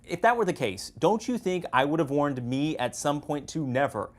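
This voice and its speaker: An actor playing a flippant, wordy dead best friend haunting a coffee pot in a comedy drama. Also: male voice, a little high, very animated, normal speed. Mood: glib, explaining. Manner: flippant, chatty, theatrically wordy. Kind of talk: comedic audio-drama dialogue.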